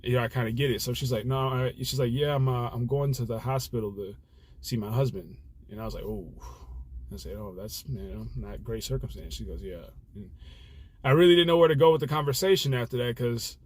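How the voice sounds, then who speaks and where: A man's voice: mid-range voice, quick pace, darkish tone. A young man, a rideshare driver, telling a personal story in an earnest, rambling way full of fillers. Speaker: rideshare driver sharing stories. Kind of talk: casual reflective storytelling.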